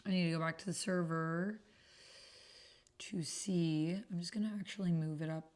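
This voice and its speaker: Casually chatting during a livestream, a woman hosts an online roleplaying game and thinks aloud, sometimes muttering to herself. She speaks at normal speed with a lowish, darkish voice and fairly even intonation.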